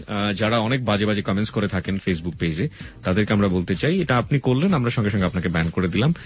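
Radio host: Bangladeshi man, lower-pitched, talks straight to listeners and explains, muffled lo-fi broadcast. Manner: explanatory, addresses listeners directly. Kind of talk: live radio hosting, talking to listeners. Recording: dull lo-fi radio broadcast sound.

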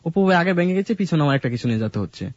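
Halting man with fillers. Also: fairly high pitch, lively intonation, darkish tone, dry recording. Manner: halting, with many fillers and restarts. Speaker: guest telling his life story. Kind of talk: casual radio conversation. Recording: dull lo-fi radio studio sound.

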